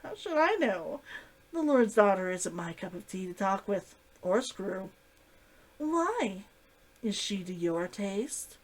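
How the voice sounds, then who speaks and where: A woman's voice: medium pitch, sing-song, slow. A woman voicing a confident, blunt and coy female hunter in a story reading. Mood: blunt, teasing. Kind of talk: acted dialogue in a story reading.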